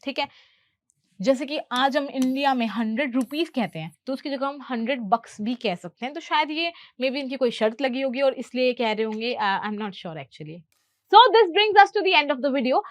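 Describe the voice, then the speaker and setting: A woman teacher explaining lines from a film, repeating English phrases slowly word by word. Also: high-pitched, animated, dry recording. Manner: slow, careful word-by-word pronunciation drills. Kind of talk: explaining movie lines in a lesson.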